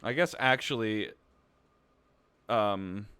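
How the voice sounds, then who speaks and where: A man narrates a tabletop session as game master, joking and cursing with his players. His voice is bright and crisp. The recording is dry and close. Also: on the low side, takes it slowly, dry recording. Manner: loose, profane, laughing banter with many fillers.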